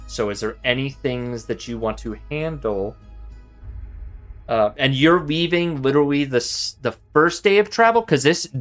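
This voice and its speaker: A man acts as game master in casual table talk, thinking aloud in a halting way. His voice sits at a middling pitch, with faint music underneath. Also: a bit bright.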